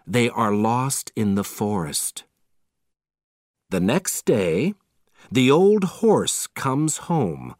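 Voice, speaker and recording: A narrator reading a simple storybook slowly and clearly. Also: medium pitch, sing-song, a little mellow, dry recording, clean studio sound.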